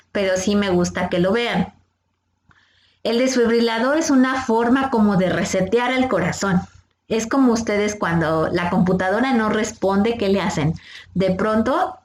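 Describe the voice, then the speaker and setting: A woman's voice: mid-range voice, roomy sound, slight background noise. A woman, a first aid instructor patiently teaching a class of young scouts step by step and asking them questions. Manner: patient, explains step by step, asks the kids questions.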